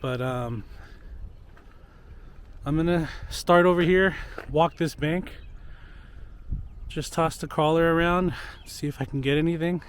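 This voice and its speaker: A man in his thirties talking casually to the camera while fishing at a lake, relaxed and thinking out loud. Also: on the high side, measured pace, long pauses. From California. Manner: relaxed, thinking aloud, chuckles. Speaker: fishing vlogger. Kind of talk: casual vlog narration. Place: outdoors at a lakeshore. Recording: faint outdoor noise.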